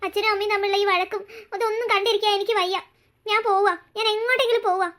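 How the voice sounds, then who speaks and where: A woman's voice: very high-pitched, fairly even intonation, fast talker, fairly bright tone. A woman voicing a caring teenage older sister in a cartoon, reassuring her younger sibling. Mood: sad. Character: earnest teenage girl, protective older sister. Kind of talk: cartoon voice acting.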